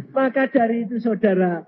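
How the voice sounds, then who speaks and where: An older man with a Javanese accent preaching a storytelling sermon, acting out dialogue and swinging from loud exclamations to soft asides. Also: very high-pitched, a little hiss or hum. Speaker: evangelist preacher. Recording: dull lo-fi sermon recording.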